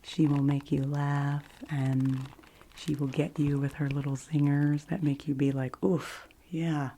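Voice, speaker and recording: A woman giving a whispered ASMR book review and reading in a soft library whisper, gentle and deliberate, with long pauses. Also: deep voice, level tone. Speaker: ASMR host.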